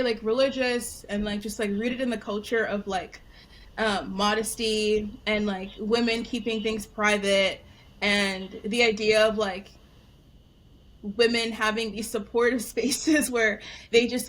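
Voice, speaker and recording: A young adult woman in casual conversation, telling a personal story in an animated way, laughing often and saying "like" a lot. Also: fairly high pitch. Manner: animated, laughing, heavy use of "like". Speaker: guest storyteller. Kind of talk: casual interview chat.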